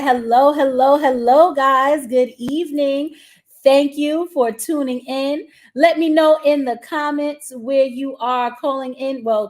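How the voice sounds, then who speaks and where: A woman hosting a live-streamed interview, upbeat and talking directly to her viewers. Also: high voice. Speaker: host.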